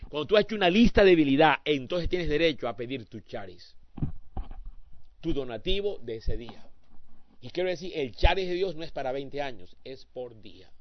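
A man preaching a sermon who swings between hushed asides and loud, emphatic appeals to the congregation. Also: fairly high pitch, expressive, normal speed, no echo. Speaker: pastor. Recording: dull lo-fi sound.

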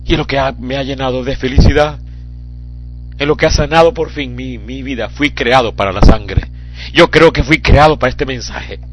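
A man preaching a sermon in a church, passionately moving from quiet storytelling to fervent shouting. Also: medium pitch, gravelly, rough recording. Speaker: pastor.

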